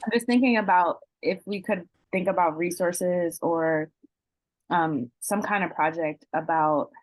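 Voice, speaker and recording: Thoughtful woman with a lowish voice. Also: measured pace, no room sound, low-quality recording. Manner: thoughtful, hesitant. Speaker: council member. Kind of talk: meeting discussion.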